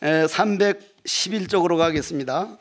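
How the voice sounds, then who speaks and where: A man's voice: fairly high pitch, moderate pace, very echoey. An older Korean Buddhist monk giving a dharma lecture to fellow monks, earthy and blunt, slipping into jokes and acted voices as he teaches. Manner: earthy, joking storytelling with dialect voices. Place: temple lecture hall.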